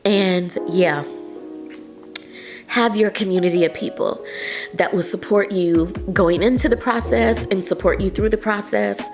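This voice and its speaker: A woman's voice: medium pitch, unhurried, gravelly, music in the background. A woman vlogger talking casually to camera, earnest and encouraging as she gives advice. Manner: earnest and encouraging, often says "like" and "you know". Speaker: vlogger sharing patient advice. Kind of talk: casual heartfelt talk to camera.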